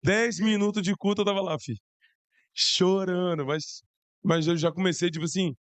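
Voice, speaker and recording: A hoarse young man with a Brazilian Portuguese accent, telling a church testimony in an excited, slangy way. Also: high voice, normal speed, dry recording. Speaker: church youth member giving testimony. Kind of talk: casual testimony to a congregation.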